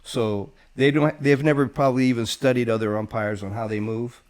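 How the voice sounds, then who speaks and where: Halting older man explaining umpiring. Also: mid-range voice, steady tone, darkish tone. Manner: halting, repeats words, explains earnestly. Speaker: co-host, amateur umpire. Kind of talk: casual chat.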